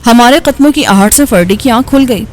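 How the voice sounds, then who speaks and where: A woman narrating an action novel as an audiobook, in a steady storytelling voice. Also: on the high side.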